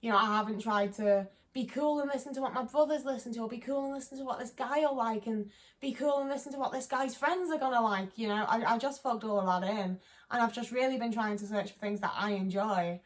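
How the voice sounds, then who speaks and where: A young English vlogger in her twenties with a Liverpool accent chats casually to camera, rambling candidly, swearing and filling her speech with "like." Her voice is fairly high and brisk.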